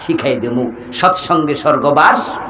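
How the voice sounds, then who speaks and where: Brief: boastful mustached convict, low scolding voice, echoey PA sound, a preacher putting him on. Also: male voice, expressive, a little slow, noisy background. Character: gruff mustached male convict, boastful bank robber.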